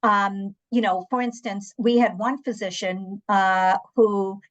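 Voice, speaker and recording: In a lo-fi recording, an interpreter services guest from Angola and South Africa, whose native language is Portuguese, speaks slowly and steadily at medium pitch. She's candid and conversational on the panel, telling anecdotes and dropping emphatic asides.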